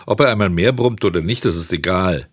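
A man voicing a gang of cheeky schoolboy rascals who shout and mock, in an audiobook reading. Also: low voice, brisk, husky, no echo, studio quality. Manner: shouting, mocking.

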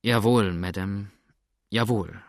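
Man voicing a calm old traveller in a storybook, reassuring, low gravelly voice, dry close sound. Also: slow, no echo.

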